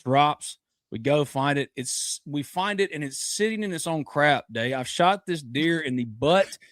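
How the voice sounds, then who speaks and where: A man in his thirties, a podcast guest telling loud animated stories in casual chat, laughing often. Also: fairly high pitch, a little slow, dry recording, clean studio sound. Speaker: podcast guest, sports commentator.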